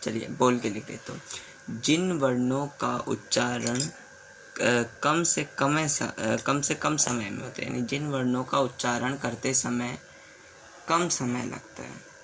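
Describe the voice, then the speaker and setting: A man teaching the alphabet in a slow classroom way. He repeats sounds, asks the class questions and writes on a board as he goes. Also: mid-range voice, vocal fry, fairly bright tone, slight background noise. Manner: stops to write on a board while talking. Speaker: Hindi teacher.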